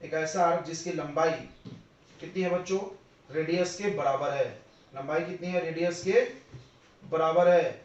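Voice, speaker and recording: A male physics teacher lecturing a class, quizzing his students and dictating definitions slowly, word by word. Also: a little high, steady tone, darkish tone. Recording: roomy, distant, dull classroom recording.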